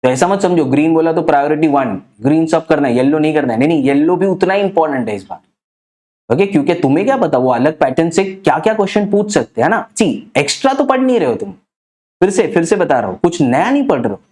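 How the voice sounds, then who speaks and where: Man tutoring in a mellow, warm voice. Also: fairly high pitch, lively intonation. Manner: explains in fast Hindi-English mix, asks rhetorical questions. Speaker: entrance exam tutor. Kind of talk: online exam-prep lesson.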